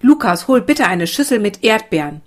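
A kind, gently magical woman, read aloud by a woman. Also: mid-range voice, sing-song, normal speed. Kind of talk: storybook reading.

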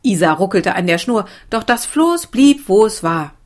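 Calm woman reading a children's story. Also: medium pitch, moderate pace. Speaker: narrator.

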